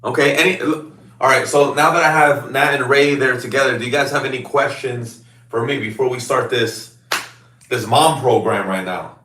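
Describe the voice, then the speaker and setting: A man coaching clients over a video call, chatting casually with loud, excitable hype-man energy. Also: mid-range voice, moderate pace, echoey room, far from the mic, slight background noise. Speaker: fitness coach.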